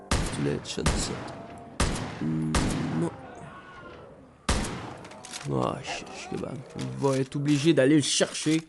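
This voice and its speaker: Excitable Québécois gamer with flu, gravelly. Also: male voice, on the high side, noisy background. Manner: excitable, swears often, loud outbursts. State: has the flu. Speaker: gaming YouTuber. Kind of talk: gameplay commentary.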